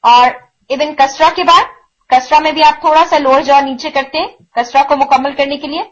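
A woman with a high voice teaches recitation pronunciation in a patient, explaining way. She drags out the example sounds slowly and repeats them, and mixes English words into her talk. The audio is a little muffled and lo-fi. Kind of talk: online tajweed lesson.

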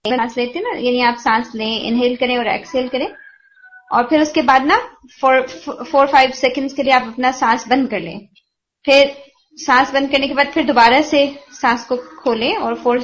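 A woman's voice: high voice, a bit bright. Patient woman giving recitation feedback. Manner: patient, explanatory, mixes English terms. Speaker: Quran recitation teacher. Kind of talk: tajweed feedback lesson. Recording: dull lo-fi audio with faint hiss.

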